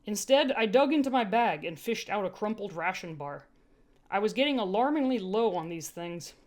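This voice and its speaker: An amateur narrator with a mid-range, expressive, darkish-toned voice reads first-person fiction expressively at a moderate pace. She's informal throughout and stops now and then to laugh and comment.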